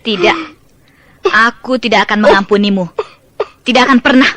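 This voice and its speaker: An actress playing a cold, haughty young princess who speaks with icy contempt in a radio drama. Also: female voice, a little high, normal speed, fairly bright tone, dry recording, natural voice.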